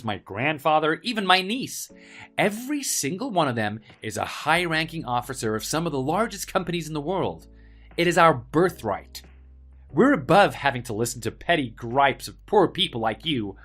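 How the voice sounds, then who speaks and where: An actor playing an arrogant, spoiled young heir who bullies office workers in a dramatized story, with a mocking, pompous manner. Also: male voice, medium pitch, very animated, moderate pace, faint music behind. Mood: haughty. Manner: mocking, pompous, loud swings of emphasis.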